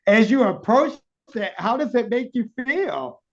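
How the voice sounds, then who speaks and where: A man's voice: extremely high pitch, lively intonation, measured pace, muffled recording. A man with a Southern accent hosting a virtual interview, chatty and effusive, heard over a video call. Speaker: interview host.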